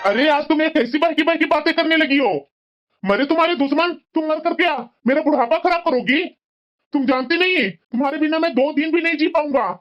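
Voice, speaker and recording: An elderly father-in-law from a cartoon, voiced by a woman in a high voice, teasing and doting on his wife. The sound is dull and lo-fi. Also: brisk, faint music behind, lightly acted. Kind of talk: cartoon voice acting.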